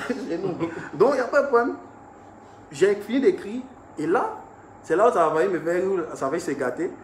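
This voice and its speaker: A young man telling his viewers about an incident. He talks in an animated way and swings between hushed and raised speech. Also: high voice, normal speed. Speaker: artist recounting an incident. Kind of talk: storytelling to viewers. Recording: echoey room with faint ambient noise.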